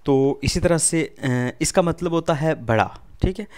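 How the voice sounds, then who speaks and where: A man's voice: fairly high pitch, a little slow, darkish tone. A man whose first language is Urdu, speaking with an Urdu accent as he teaches a beginner language lesson, patiently repeating words and quizzing the listener.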